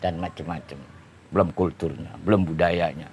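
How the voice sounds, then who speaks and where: Casual Indonesian preacher, chatty teaching tone. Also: male voice, low voice, steady tone, normal speed, a little mellow, a little hiss or hum. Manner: conversational, explaining with everyday examples and repeated tag phrases. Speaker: Islamic preacher. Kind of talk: informal religious lecture.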